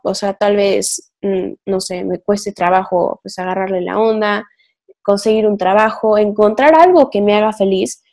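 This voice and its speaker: In a mid-range, slightly mellow voice, a young woman thinks out loud as a podcast co-host. The talk is a rambling, casual philosophical conversation, heavy on fillers.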